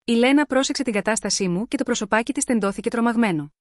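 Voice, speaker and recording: A woman reading a first-person story aloud as scripted narration, measured and even. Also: a little high, no room sound, studio quality.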